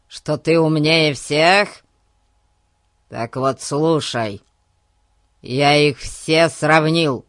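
A man's voice: fairly high pitch, a bit bright, dry recording, clean studio sound. A man reading the part of a grumpy, self-important village policeman who talks in an indignant, blustering way.

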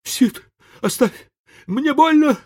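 Squeaky high little boy, whiny and overdramatic, voice jumping all over. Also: lively intonation, slow, a little mellow. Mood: whining. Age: child.

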